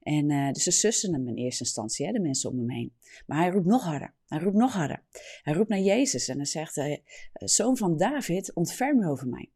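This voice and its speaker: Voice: medium pitch, animated, a little fast, a little mellow. A preacher giving an earnest, explanatory sermon, often adding a questioning tag to sentences.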